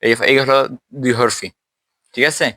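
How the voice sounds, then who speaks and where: A man teaching a tajweed class, explaining step by step and quizzing his students, with slow drawn-out letters. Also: mid-range voice, fairly even intonation, bright, forceful tone, no room sound. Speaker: Quran recitation teacher.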